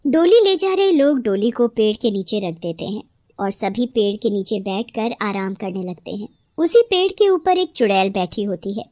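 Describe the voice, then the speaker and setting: A woman narrating a cartoon story in a steady storytelling way. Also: medium pitch, moderate pace, no echo.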